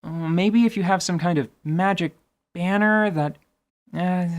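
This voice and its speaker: A man whose voice sits a little higher than most hosts a tabletop gaming podcast. His commentary seems partly scripted, articulate and wordy, sprinkled with wry, playful asides.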